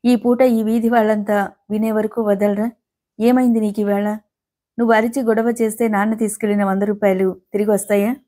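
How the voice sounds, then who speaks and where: A woman reading the part of a calm, responsible young working woman who reasons firmly with her brother. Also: medium pitch, moderate pace, close to an everyday voice. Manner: firm, reasoning.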